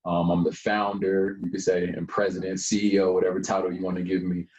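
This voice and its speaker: A young man from Colorado Springs, a nonprofit founder, talking at length in a relaxed interview, with plenty of fillers along the way. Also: sits low, brisk, muffled recording. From Colorado Springs, USA. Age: young adult. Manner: long-winded, relaxed storyteller with frequent fillers. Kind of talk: casual interview chat.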